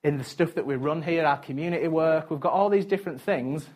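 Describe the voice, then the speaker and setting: Chatty male pastor, slightly high voice. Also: fairly quick, a little mellow. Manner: conversational, chatty, chuckles between points. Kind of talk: sermon.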